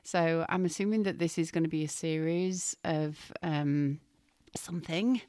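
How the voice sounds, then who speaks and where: Slow, low, soft-spoken woman. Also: no echo. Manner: soft, slow and gentle, drifting into whispers. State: voice still recovering. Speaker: spiritual podcast host. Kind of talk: casual spiritual podcast talk.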